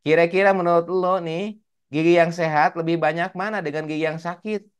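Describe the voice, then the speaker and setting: A man voicing a male religious teacher who gently questions a student. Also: on the high side, fairly even intonation, a little fast, smooth, pitched above the performer's own voice, lightly acted. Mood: coaxing. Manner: coaxing, questioning.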